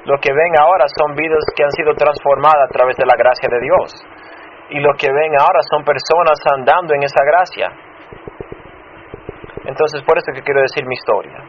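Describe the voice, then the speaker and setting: Man pastor, sermon testimony, halting with restarts, muffled lo-fi sound, faint hiss. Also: on the high side. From Chicago, United States.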